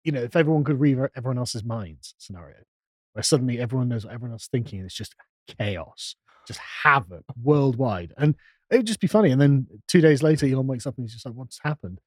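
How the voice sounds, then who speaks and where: A man's voice: medium pitch, expressive, fast talker, darkish tone, no echo. A man co-hosting a live podcast, chatting casually, laughing often and mimicking voices. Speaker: podcast co-host. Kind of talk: casual banter on a live stream.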